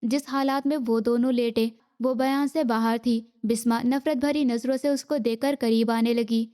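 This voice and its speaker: A woman narrating a romance novel as an audiobook, in a steady, dramatic storytelling manner. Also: fairly high pitch.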